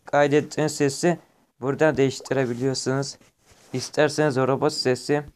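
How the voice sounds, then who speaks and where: A man's voice: medium pitch, little pitch movement, a little fast, a little mellow. A man giving a casual, step-by-step walkthrough of an app in plain, repetitive explanations. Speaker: app tutorial presenter. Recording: noisy amateur recording with clicks.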